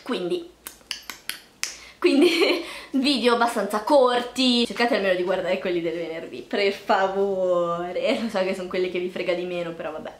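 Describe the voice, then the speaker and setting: An early-20s YouTube vlogger talks to camera in a casual, playful, self-deprecating way. Her voice is medium in pitch with fairly even intonation and a moderate pace, recorded in a small bare-walled room that echoes.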